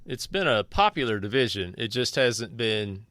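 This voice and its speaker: Bright, crisp-voiced man hosting a podcast. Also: mid-range voice, animated, normal speed, no echo. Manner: joking, folksy, loose with restarts. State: sore throat. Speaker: podcast host. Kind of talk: casual podcast chat.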